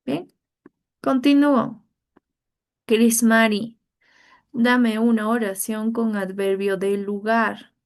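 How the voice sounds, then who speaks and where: A woman's voice: a little high, steady tone, takes it slowly, long pauses. A woman teacher leading an online grammar class over a video call, patiently coaxing each student by name.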